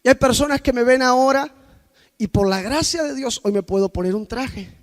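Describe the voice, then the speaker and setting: A man preaching a sermon, telling personal stories to the congregation and swinging between loud outbursts and quiet asides. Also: very high voice, normal speed. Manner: personal storytelling addressed to the congregation.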